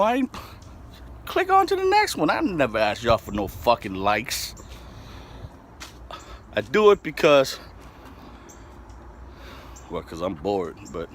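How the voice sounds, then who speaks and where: A man's voice: lowish voice, fairly bright tone, slight background noise. A man rambling and joking with lots of swearing while showing his bus conversion work outdoors. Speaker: DIY bus-conversion vlogger. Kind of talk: casual profane DIY vlog.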